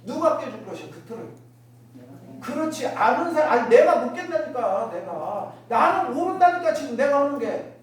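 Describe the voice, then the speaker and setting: A Won Buddhist minister gives a dharma talk in her worship hall, her high, sing-song voice moving at a moderate pace. She often asks the congregation rhetorical questions and acts out everyday remarks in other voices, heard from afar in an echoey space with faint noise.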